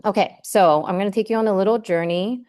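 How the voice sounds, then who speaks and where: A woman raised in Hawaii whose first language is Japanese gives a personal academic seminar talk as a guest speaker. She's chatty and peppers her speech with fillers like "um" and "like," speaking fast in a medium-pitched, darkish voice.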